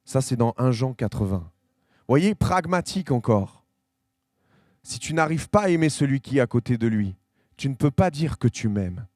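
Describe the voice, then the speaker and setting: A man preaching a conversational sermon as pastor, speaking to listeners directly and slowing down to stress scripture quotes. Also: medium pitch, sing-song, a little mellow, no echo, studio quality. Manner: conversational preaching, addresses listeners with tu, frequent restarts. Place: church hall.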